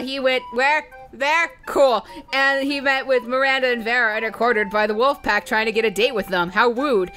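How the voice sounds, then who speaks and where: A let's play host casually recaps a video game, chatty and sweary, joking with playful asides and putting on mock voices for quotes. Her voice is a little high, pushed and bright.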